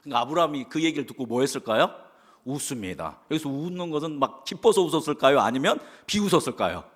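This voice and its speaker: A pastor talks fast in a sing-song, medium-pitched voice as he preaches, often quizzing the congregation and supplying the answers himself. The long reverb of the church sanctuary hangs over the recording.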